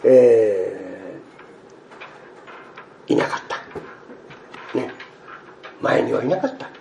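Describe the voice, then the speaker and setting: A male pastor preaching a sermon to his congregation, expressive and acting out the quoted speech. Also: lowish voice, extremely slow, gravelly, roomy sound, background noise.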